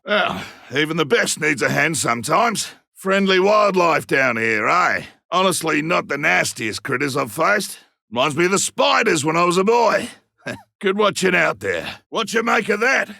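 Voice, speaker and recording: Griffin, gravelly old veteran monster hunter. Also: male voice, fairly high pitch, big pitch swings, moderate pace, pushed and bright, dry recording, studio quality, heavily acted. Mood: wry, alert. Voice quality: gruff, gravelly. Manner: colloquial, wry, theatrical. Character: ageing veteran monster hunter, gruff, cocky and stubborn. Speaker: playable game character. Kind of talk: video game combat voice lines.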